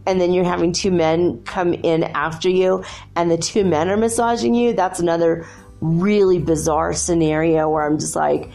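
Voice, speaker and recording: Female solo podcast host, chatty and informal, dark mellow tone, swollen-throat thickness, faint music behind. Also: lowish voice, fairly even intonation, moderate pace, gravelly. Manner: informal, self-quoting, chatty asides. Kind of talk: casual rambling solo podcast chat.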